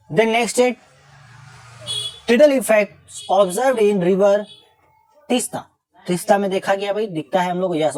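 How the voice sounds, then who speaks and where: A young man teaching an exam revision lesson, reading questions out slowly, then explaining with casual jokes and teasing scolds. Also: high voice, darkish tone.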